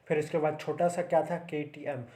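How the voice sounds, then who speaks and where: A man's voice: a little high, fairly even intonation, a little fast, mellow. A man teaching grammar for exam preparation, explaining step by step and checking in often with the viewer. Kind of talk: exam-prep grammar lesson.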